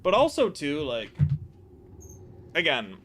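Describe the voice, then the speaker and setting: A man's voice: fairly high pitch, wildly swooping pitch, slow, a bit bright, faint music behind. A man giving casual, rambling gameplay commentary as a streamer, answering chat questions with lots of fillers and swearing. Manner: rambling, chatty, many fillers and profanity. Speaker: gaming streamer.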